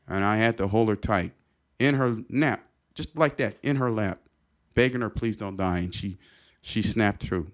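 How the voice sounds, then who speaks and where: A man's voice: on the low side, moderate pace. A middle-aged man telling a personal story as a podcast guest, earnest and repetitive, often restarting his sentences.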